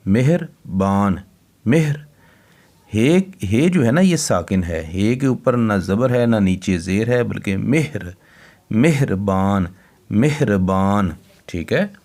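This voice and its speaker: Slow, low-voiced teacher man. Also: darkish tone. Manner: spells words letter by letter, then repeats each word slowly. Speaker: Urdu teacher. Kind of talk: slow word-by-word dictation lesson.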